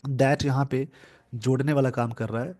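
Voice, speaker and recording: A man's voice: medium pitch, fairly even intonation, darkish tone, no room sound. Guy teaching off a newspaper, plain middle voice, dry sound, goes word by word. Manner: explains word by word, reads English phrases slowly. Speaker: English teacher. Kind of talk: newspaper editorial lesson.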